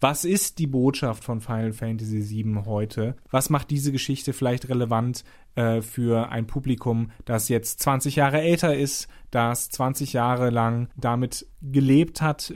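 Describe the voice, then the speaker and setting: A man co-hosting a podcast, speaking in a thoughtful, measured way with hesitant fillers. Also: medium pitch, steady tone, darkish tone. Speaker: podcast co-host. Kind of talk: casual discussion.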